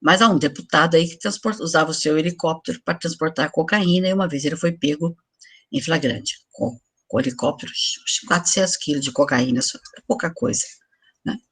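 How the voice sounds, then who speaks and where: Older woman lecturing, husky voice. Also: low-pitched, brisk, fairly bright tone. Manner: explanatory, asks for the next slide. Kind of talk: online lecture to teachers. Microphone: video call.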